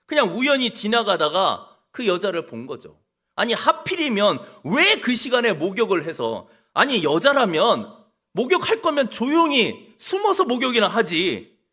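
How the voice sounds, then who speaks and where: A preacher acting out an indignant ancient king who shouts and makes excuses. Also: high-pitched, sing-song, moderate pace, heavily acted. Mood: self-pitying excuses. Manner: shouting, indignant, self-justifying. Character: King David, furious then full of excuses.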